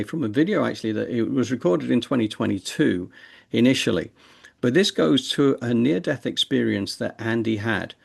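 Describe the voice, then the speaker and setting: Male host; gravelly, casual, loose and conversational. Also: mid-range voice, darkish tone. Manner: conversational, with hesitations. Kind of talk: casual show hosting.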